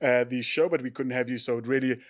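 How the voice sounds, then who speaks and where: A man's voice: medium pitch, steady tone, fast. A jovial man co-hosting a casual sports chat show, laughing often and using lots of fillers. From South Africa. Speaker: co-host.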